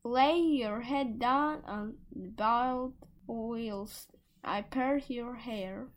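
A woman voicing a cruel, scheming wicked stepmother in a storybook reading, soft and coaxing. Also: a little high, drawn-out words, voice pushed up. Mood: sly coaxing.

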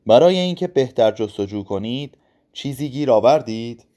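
A man's voice: mid-range voice, expressive, dark tone, lightly acted. A man voicing a nervous older male professor with a trembling, pleading way of speaking, in a storybook reading. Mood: anxious pleading.

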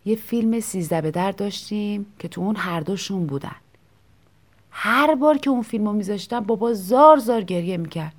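A woman reading a short personal story aloud in a soft, tender, reflective way, sometimes sinking into a whisper. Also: medium pitch, animated. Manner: soft, intimate, drops into whispers. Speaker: story reader. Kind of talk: scripted storytelling narration.

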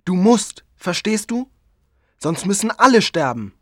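A lonely, hulking creature pleads in a slow, sorrowful voice that rises and falls widely, each word weighed. This is storybook audio drama in a dry, close recording. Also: mid-range voice, big pitch swings, dry recording. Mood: urgent. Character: lonely, pleading giant creature made by a scientist. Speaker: narrator of his own story.

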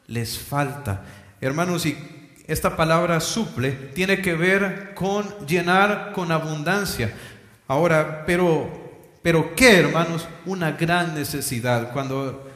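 A man's voice: fairly high pitch, a bit bright. A man preaching a sermon as pastor, often asking rhetorical questions and addressing the congregation as brothers. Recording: echoey hall with long reverb.

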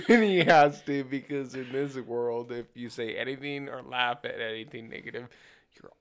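A man's voice: medium pitch, moderate pace. A man hosting a casual podcast chat, laughing often as he talks. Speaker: podcast host.

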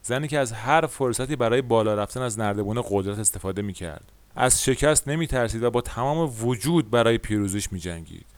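A man's voice: mid-range voice, animated, no echo. A man with an Iranian Persian accent hosting and narrating a storytelling podcast in a conversational way.

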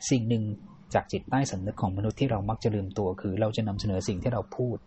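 A man with a Thai accent hosting a podcast, speaking in a lecture-style monologue that switches between English and Thai, halting with fillers and restarts. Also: fairly low pitch, fairly even intonation, noisy background. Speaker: podcast host.

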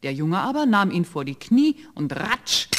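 A man narrating a fairy tale from a script. His voice is high for a man. He tells the story in an even, steady way. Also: normal speed.

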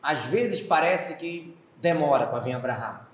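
A man with a Brazilian Portuguese accent gives a Torah lesson in a somewhat high voice. He explains Hebrew words as he goes and poses questions, then answers them himself. The sound carries an echo from the room. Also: lively intonation, a little slow. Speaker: rabbi teaching the weekly Torah portion.

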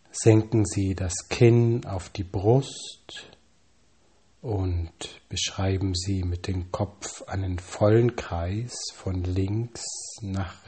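A man calmly reading scripted guided relaxation instructions, with measured pauses and slow counting. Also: low-pitched, breathy edge.

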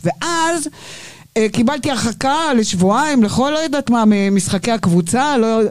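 Woman, podcast guest, basketball fan, lively storyteller, quoted dialogue acted out, dry close sound. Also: fairly high pitch, no echo. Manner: acts out both sides of quoted arguments. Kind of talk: lively anecdote telling.

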